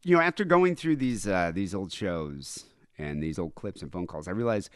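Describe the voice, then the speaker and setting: A podcast host with a nasal voice rambles through loose, profane chat. His pitch rises and falls animatedly. The recording is close and dry. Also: animated, moderate pace, clean tone, dry recording.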